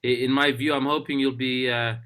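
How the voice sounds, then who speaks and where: A man hosting an online webinar over a video call, talking in a casual, halting way with many fillers and restarts. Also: mid-range voice, little pitch movement, a bit bright, clear, resonant tone. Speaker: webinar host.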